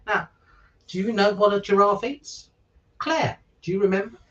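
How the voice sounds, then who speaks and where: This substitute story reader has a high, fairly bright voice and a moderate pace. Sitting away from the mic on a virtual call, with the highs cut off, he reads a children's picture book aloud and chats and asks his listeners questions along the way.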